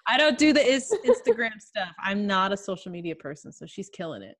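A woman's voice: mid-range voice, big pitch swings, a little fast. A woman co-hosting a podcast in casual chat, with an informal, slangy way of talking. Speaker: podcast co-host.

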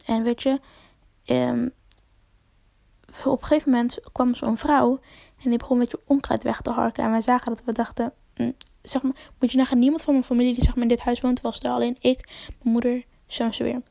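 A woman's voice: fairly high pitch, creaky, warm tone, no room sound, studio quality. A young woman telling a rambling, slangy story to camera, full of fillers and swearing. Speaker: vlogger.

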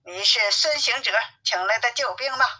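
A woman's voice: fairly high pitch, normal speed, sharp tone, voice pushed up, rough recording. A woman voicing an arrogant young demon king in a storybook reading, sneering and boastful in speech.

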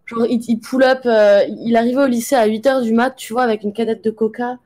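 A woman's voice: fairly high pitch, fairly even intonation, a little fast, warm tone. A woman guest chatting casually on a stream, full of slang fillers. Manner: slangy, repeating "genre". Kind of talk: casual live-stream chat.

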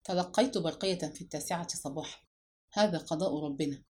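A woman's voice: on the low side, fairly quick, dark tone, voice pushed down, natural voice. A woman voicing a young man in mourning, who speaks in a gloomy, subdued way in an audiobook. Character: grieving young man, his brother.

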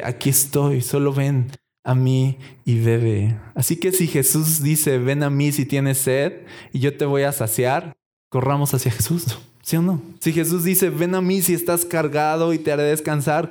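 A man preaches with a fairly high voice. He acts out little imagined exchanges and keeps turning to the listeners with questions, slowing down on the scripture lines he wants to stress. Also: a little mellow. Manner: acts out imagined dialogue, asks the congregation questions. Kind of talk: sermon.

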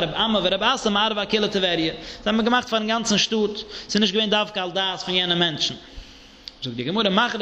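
A male rabbi teaches a Talmud class in a high, bright, singsong study chant, mixing Hebrew and Aramaic terms. The recording is echoey, dull, and lo-fi, captured in a roomy hall.

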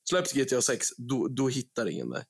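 A man's voice: mid-range voice, vocal fry, breathy edge. En ung man från Sverige som programledare i en podcast, pratar livligt och skämtsamt med svordomar. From Sweden. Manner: animated, joking, swearing storyteller. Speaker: podcast host. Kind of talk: casual chat.

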